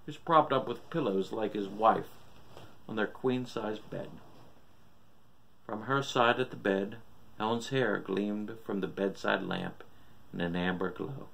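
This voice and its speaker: A man's voice: lowish voice, vocal fry, a bit bright. A man reading a scripted horror story as its narrator.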